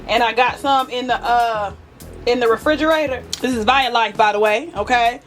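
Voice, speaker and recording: A woman's voice: on the high side, normal speed, a bit bright, soft background music. A woman, talking casually to viewers in her cooking vlog, chatty and full of fillers. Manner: chatty, talks straight to viewers as "y'all", with fillers. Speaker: cooking vlogger.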